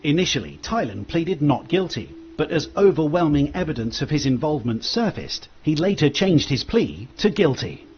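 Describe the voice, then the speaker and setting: A man reading scripted true-crime narration in a steady, factual way. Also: fairly high pitch, normal speed, few pauses, lo-fi sound, slight background noise. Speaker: documentary narrator.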